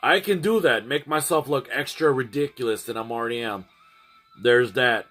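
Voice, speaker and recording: A man's voice: mid-range voice, normal speed, a bit bright, faint music behind. A man chatting casually to his livestream audience, rambling and often restarting and repeating his phrases. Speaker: streamer.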